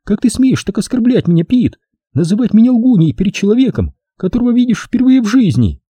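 A man's voice: big pitch swings, a little fast, warm tone, slightly rough, no echo, heavily acted. A man reading aloud, voicing a tense, indignant young woman in a raised, strained voice. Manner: shrill, raised voice.

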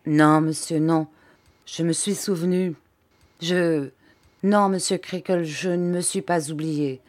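A woman's voice: low voice, fairly even intonation, takes it slowly, darkish tone. A woman reading an audiobook, voicing an agitated male schoolmaster who raises his voice in trembling outbursts. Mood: flustered.

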